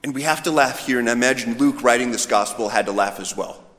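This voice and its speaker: A priest with a mid-range, slightly bright voice speaks quickly in a casual, conversational homily, storytelling and voicing imagined conversation. The setting is a large church, and the recording carries the long reverb of an echoey hall.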